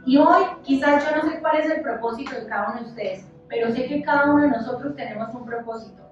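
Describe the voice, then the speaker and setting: A woman in her thirties, a church leader giving an impassioned, conversational sermon that swings between loud and soft. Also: high-pitched, fast. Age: 30s. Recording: echoey, dull church hall sound with music, mic at a distance.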